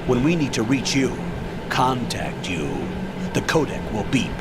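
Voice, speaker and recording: An actor playing a stern military colonel in a video game, briefing in a measured, commanding, clipped way. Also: male voice, medium pitch, animated, heavy background noise, close to an everyday voice. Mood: instructing.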